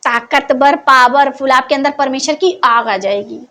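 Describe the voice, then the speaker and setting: High-voiced woman teaching the Bible. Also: moderate pace, pushed and bright. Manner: keeps posing questions to listeners, then answers them; conversational, scolding teacher tone. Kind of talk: Hindi Bible teaching talk.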